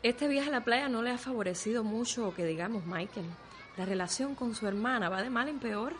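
A woman's voice: fairly high pitch, lively intonation, a little fast, a little hiss or hum, close to an everyday voice. Actress as a blunt, frank teenage girl. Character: frank, level-headed teenage girl friend.

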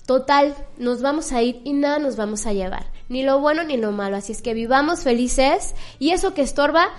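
A woman's voice: sits high, fairly quick. Chatty woman hosting a show. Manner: chatty, storytelling. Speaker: podcast host. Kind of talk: casual chat.

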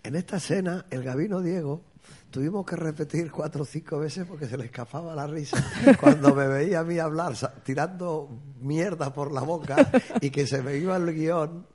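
A comic actor, telling earthy, swear-filled anecdotes in a casual interview and acting out quotes. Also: male voice, on the high side, moderate pace, a little mellow.

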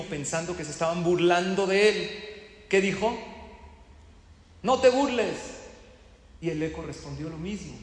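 A man's voice: sits high, fairly bright tone. A man giving a sermon to a live audience as a rabbi, telling stories and asking his listeners questions. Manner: storytelling, asks the audience questions. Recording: echoey hall with faint ambience.

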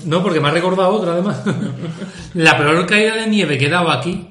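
A man with a slightly high voice who tells his story patiently, one step at a time, in a casual chat with friends. He sounds like he is in a bare, echoey room. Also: fairly quick, bright, forceful tone.

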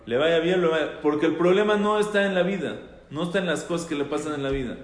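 A fast-talking man with a fairly high voice teaches an informal religious class on Torah, recorded in an echoey hall with long reverb. He chats with the group, repeats phrases for emphasis and asks them questions.

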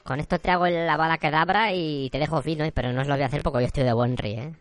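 Silly bragging evil wizard guy, a man doing it, talks fast and rambles, comedy interview. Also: fairly high pitch, fairly even intonation, dry recording, lightly acted. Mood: boastful. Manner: boastful, rambling and jokey. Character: comic dark wizard lord, male, boastful and silly.

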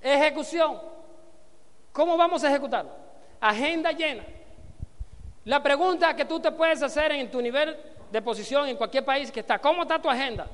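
A man's voice: very high-pitched, moderate pace, pauses often, fairly bright tone, long reverb tail. A man leading a motivational business seminar, preaching to the room and quizzing the audience to answer and repeat after him. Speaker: network marketing trainer speaking to an audience.

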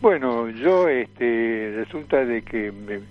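On phone-quality sound with faint music behind, a Tucumán-born man in his seventies recalls his career in a casual radio interview. He is a veteran comic and voice impressionist with an Argentine accent. His mid-range voice is expressive and slow, and he hesitates and repeats himself.

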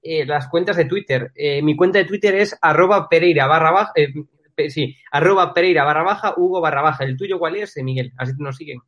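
Quick-talking male co-host. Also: a little high, fairly bright tone, highs cut off. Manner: casual, reads chat questions. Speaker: stream co-host. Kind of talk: casual chat.

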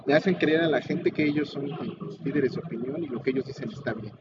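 A man's voice: mid-range voice, quick pace. Slangy Mexican man ranting over noisy audio. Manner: slangy, foul-mouthed. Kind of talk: casual opinionated rant. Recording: muffled lo-fi audio, clear vehicle noise.

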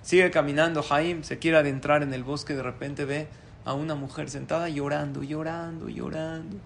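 A rabbi teaching a class and telling a parable in an animated storytelling manner. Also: male voice, a little high, normal speed, gravelly, a little hiss or hum. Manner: animated storyteller, lively voice changes.

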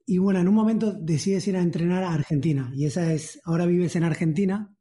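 A man from Spain with a somewhat high but mellow, warm-toned voice, interviewing someone he has known for years. He asks friendly, familiar questions and laughs lightly between them. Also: fast.

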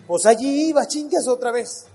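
A man's voice: very high voice, warm tone, slightly rough, soft background music. A man with a Mexican accent doing adult stand-up comedy, telling crude stories full of swearing. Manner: crude, swearing, rapid storytelling.

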